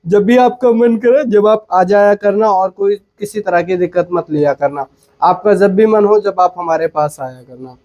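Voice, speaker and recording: A coaxing, insistent middle-aged woman, voiced by a man in his own voice. The voice sits high, and her manner is persuasive and pushy. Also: moderate pace, darkish tone, lo-fi sound, natural voice.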